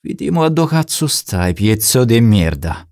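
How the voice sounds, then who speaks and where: A coarse bandit boss growls in a thick southern Italian dialect, louder and higher than the reader's own low voice, as a man puts him on for an audiobook. He is blunt and vengeful, and he spits his words out without any polish. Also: very animated, unhurried. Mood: menacing. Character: rough male bandit chief, coarse and vengeful.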